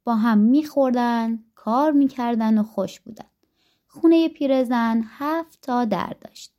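A woman narrating a folktale audiobook in a gentle, rhythmic storytelling manner, recorded on a studio mic. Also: fairly high pitch.

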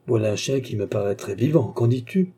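A man's voice: medium pitch, expressive, fairly quick, dark tone, slightly rough. A man voicing a cold, mocking old male alchemist in an audiobook, taunting and flaring into fierce outbursts. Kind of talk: audiobook character voice.

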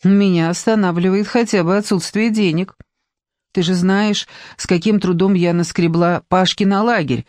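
A reader voices a weary, downcast young mother in an audiobook, plaintive and hesitant. The pitch is middling. The sound is dry and close. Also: steady tone, moderate pace, darkish tone, no room sound, close to an everyday voice. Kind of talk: audiobook reading.

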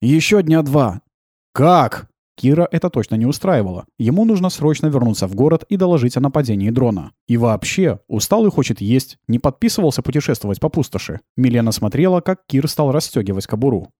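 Male audiobook narrator, warm mellow tone, lively intonation, dry close mic. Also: mid-range voice, fast talker, few pauses, no echo. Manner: expressive storytelling.

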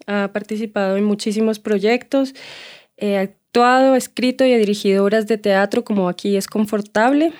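Woman podcast host, mid pitch, measured intro read. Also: steady tone, a little mellow. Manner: measured, reads the guest's introduction. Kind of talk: scripted introduction.

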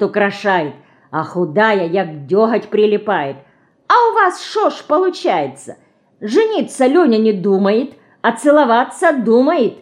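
A woman reading an audiobook, voicing an earnest village girl with Ukrainian-tinged rural speech who lectures slowly and solemnly. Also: mid-range voice, a little mellow. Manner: slow, solemn, folksy lecturing.

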